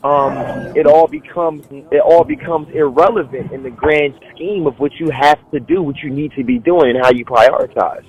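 A man hosting a casual podcast chat, rambling and reflective, with lively quoted asides. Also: on the high side, normal speed, few pauses, lo-fi sound. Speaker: podcast host.

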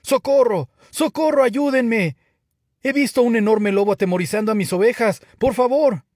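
A man voicing a mischievous young shepherd boy who shouts for help and cackles. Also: normal speed, dry recording, studio quality. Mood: shouting for help. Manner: shouting and cackling, high-pitched.

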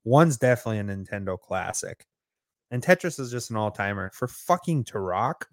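Excitable fast-talking young man. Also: lowish voice, no room sound, studio quality. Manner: quick, excitable banter. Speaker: podcast co-host. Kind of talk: casual chat.

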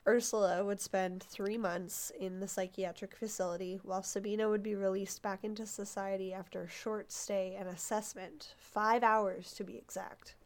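Brief: woman podcast co-host, mid-pitch, casual and animated storytelling, stumbles and restarts. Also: normal speed, hardly any pauses. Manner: animated, stumbling, acts out quoted voices.

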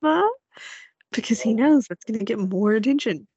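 A woman co-hosting a podcast, chatting casually and telling animated stories. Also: a little high, fairly quick, breathy edge, dry recording. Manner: animated storytelling, acts out quoted voices. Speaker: podcast co-host. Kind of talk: casual chat. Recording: dull lo-fi sound.

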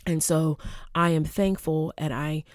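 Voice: mid-range voice, steady tone, a little slow, dry recording, studio quality. A podcast host talking casually on their own, rambling and chatty, with lots of filler words and restarts. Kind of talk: casual solo podcast monologue.

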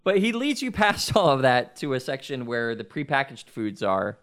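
A man narrating a tabletop role-playing game as game master, in a loose, halting way with many fillers and restarts. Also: mid-range voice, big pitch swings, fairly bright tone.

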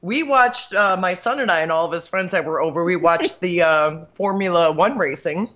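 A woman's voice: fairly low pitch, moderate pace, a bit bright, lo-fi sound. A woman co-hosting a radio show and a mother, chatting in a rambling way with frequent fillers. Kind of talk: casual radio banter.

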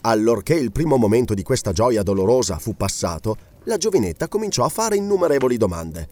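Male narrator, expressive, dramatic, audiobook reading, lively intonation. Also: medium pitch, a little fast.

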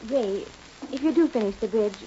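A woman's voice: a little high, animated, normal speed, warm tone, natural voice. An actress playing an earnest, caring young frontier woman in a 1930s radio Western. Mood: tender. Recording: muffled, hissy 1930s radio recording.

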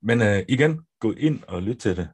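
Husky low-voiced Danish man, lively. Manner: upbeat, lively, laughs easily, eggs on his co-host. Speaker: podcast co-host. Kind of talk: casual podcast chat.

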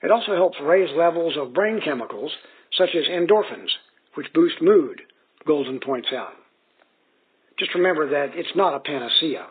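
A man reading magazine articles aloud in a steady, even scripted narration. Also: fairly high pitch, slightly rough. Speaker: article reader. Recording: tinny phone-like sound.

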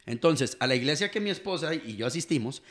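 A man with a Costa Rican accent co-hosting a casual talk show, telling animated stories and acting out quoted dialogue. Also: fairly high pitch, fast. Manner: animated storyteller who acts out quoted dialogue. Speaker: co-host. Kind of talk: casual chat, storytelling.

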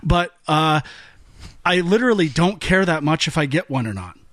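A man's voice: on the high side, lively intonation, normal speed, fairly bright tone, dry recording. A man co-hosting a gaming podcast, arguing in a fired-up, ranting way with stumbling restarts. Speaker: podcast co-host. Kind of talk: heated casual debate.

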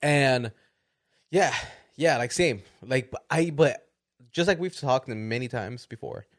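A man's voice: medium pitch, slow pace. A man co-hosting a podcast, chatting casually and laughing at his own jokes. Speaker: podcast co-host. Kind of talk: casual banter.

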